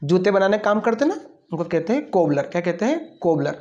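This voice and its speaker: In a dull lo-fi recording, a male English teacher speaks in a high, sing-song, slightly mellow voice at a somewhat fast pace. During his class lesson he asks each question and supplies the answer himself, dropping playful asides between the words.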